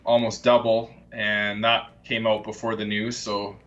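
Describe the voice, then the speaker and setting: A man's voice: on the low side, little pitch movement, a bit bright. Man explaining markets, lo-fi sound. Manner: measured, explains step by step with fillers. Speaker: market commentator. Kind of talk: casual explanatory chat.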